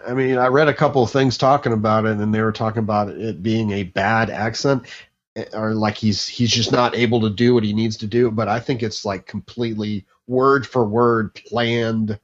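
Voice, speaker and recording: Host, man, lowish voice, rambling casual talk, lo-fi sound. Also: steady tone, normal speed. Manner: rambling, many fillers and restarts. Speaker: podcast host. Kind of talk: casual chat. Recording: dull lo-fi sound.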